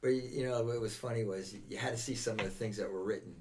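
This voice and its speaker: An older American man, a veteran volunteer firefighter, reminisces casually as an interview guest, often repeating and reworking his phrases. He talks fast in a lowish, darkish voice, recorded far from the mic with slight background noise.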